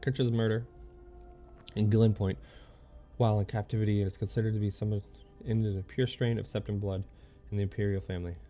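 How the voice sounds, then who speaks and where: A man streaming a game, reading its lore aloud in a halting way, often stumbling and correcting himself. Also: fairly low pitch, little pitch movement, mellow, faint music behind.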